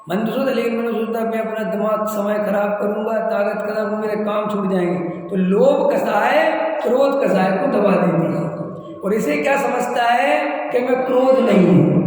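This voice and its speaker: A man with a high voice delivers a sermon, pausing to ask his listeners questions and drawing out key words. His voice rings through a large, very echoey hall with a long tail of reverb. A faint hiss sits underneath. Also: darkish tone. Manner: explanatory, asks the audience questions, slows for emphasis. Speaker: Jain scholar giving a discourse.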